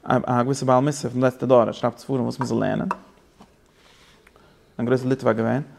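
A man teaching an informal religious class to students, halting, with many restarts and repeated words, and English phrases mixed in. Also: medium pitch, flat delivery, vocal fry, background noise.

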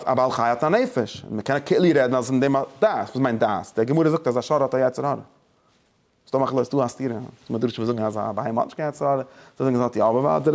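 A man's voice: mid-range voice, gravelly, darkish tone. A man teaching a religious study lesson, explaining emphatically and often breaking off and restarting, mixing German with English words.

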